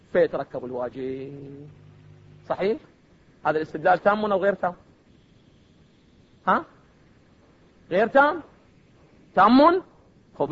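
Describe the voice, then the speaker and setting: High-voiced Iraqi man lecturing a class. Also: a bit bright. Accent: Iraqi Arabic. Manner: quizzes students with repeated either-or questions. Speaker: seminary philosophy teacher. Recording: dull lo-fi recording.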